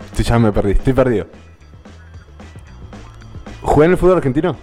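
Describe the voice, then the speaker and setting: A man's voice: mid-range voice, animated, brisk, warm tone, soft background music. A man, playing a guessing game on a live stream, thinking aloud and repeating himself.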